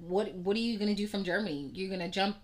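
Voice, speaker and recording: A woman co-hosting a casual chat podcast, telling stories in an animated way with a lot of swearing. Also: medium pitch, quick pace. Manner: animated storyteller, profane. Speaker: podcast co-host.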